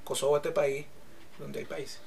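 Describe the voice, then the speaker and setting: A man's voice: a little high, level tone, a little slow, creaky. A man with a Venezuelan accent, co-hosting a casual podcast and reeling off trivia facts in chatty banter. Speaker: podcast co-host.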